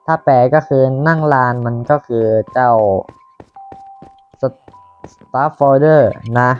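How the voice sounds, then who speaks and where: Slow-talking Thai man, lo-fi. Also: medium pitch, steady tone, faint music behind. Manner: slow, chatty, talking to himself while building. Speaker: Minecraft YouTuber. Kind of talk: casual gameplay commentary.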